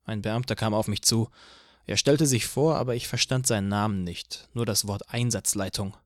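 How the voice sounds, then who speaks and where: A man narrating an audiobook in a steady, even storytelling manner. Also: fairly low pitch, normal speed, dry recording, studio quality. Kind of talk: scripted narration.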